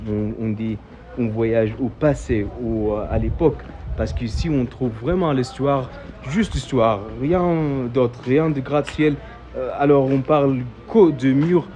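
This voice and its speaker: Recorded outside in a historic old town, a local tour guide vlogger from Saudi Arabia explains sights casually in French with an Arabic accent, Arabic being his first language. His mid-range delivery is hesitant and packed with fillers and repeated words. The outdoor sound is dull and a bit noisy.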